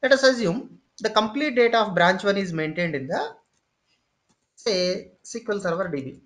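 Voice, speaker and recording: An instructor giving a screen-share tutorial lecture, explaining step by step, often pausing on "okay" and repeating or restarting phrases while thinking. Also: medium pitch, animated, fairly bright tone.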